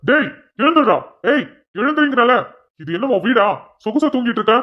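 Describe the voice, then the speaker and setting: High-pitched blustering constable, man voicing him, shouting orders, lo-fi sound. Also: lively intonation, brisk. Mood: dutiful. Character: male police constable, eager and blustering. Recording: dull lo-fi audio.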